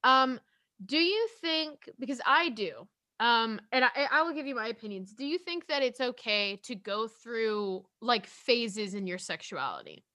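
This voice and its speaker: A woman co-hosting a casual podcast, chatty and animated, rambling through opinions with lots of filler and restarts. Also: on the high side, measured pace, no echo, studio quality. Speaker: podcast co-host.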